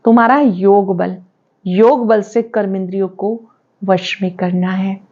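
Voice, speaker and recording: Woman preaching a steady devotional lesson, lo-fi. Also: medium pitch, unhurried. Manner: steady explanatory preaching, rhetorical questions. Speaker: spiritual teacher reading the daily lesson. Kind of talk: devotional reading and explaining scripture.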